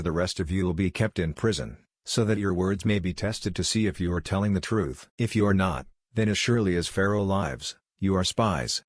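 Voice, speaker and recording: Deep-voiced man reading scripture. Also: dry recording, studio quality. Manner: steady, measured reading, quotes read with little change of voice. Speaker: Bible reader.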